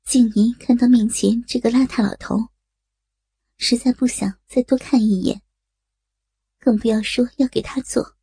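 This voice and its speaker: A woman narrating a story in a steady, even storytelling voice. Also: on the high side, moderate pace, pauses often, breathy edge, no echo, poor audio. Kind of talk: audio erotic story narration.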